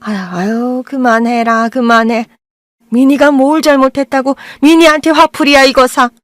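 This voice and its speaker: A woman voicing a kind elderly grandmother in an audio drama, talking softly and coaxingly. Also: sits high, fairly even intonation, normal speed, no room sound, clean studio sound, lightly acted. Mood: soothing. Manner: soft, coaxing, hushed.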